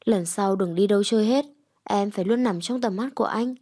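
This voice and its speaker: A terse, domineering young man who gives short orders and guards his partner closely, read by a woman. His voice has a dark, mellow tone at a middle pitch, in the manner of a storybook reading. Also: a little fast, lightly acted. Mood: curt. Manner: curt, bossy.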